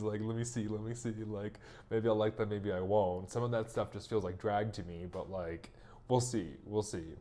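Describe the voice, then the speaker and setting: Young guy rambling and swearing thru a story, kinda low voice, lots of likes. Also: warm tone. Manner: profane, rambling with many fillers. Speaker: vlogger recounting a personal story. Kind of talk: candid casual monologue.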